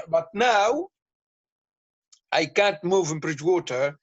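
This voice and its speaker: Syrian guy on a call, broken english, really slow, dry dull sound. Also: high voice, expressive, dry recording. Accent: Syrian Arabic. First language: Arabic. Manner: halting, simple English with repeated words. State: fasting, tired and thirsty. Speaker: guest. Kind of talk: casual chat on a video call.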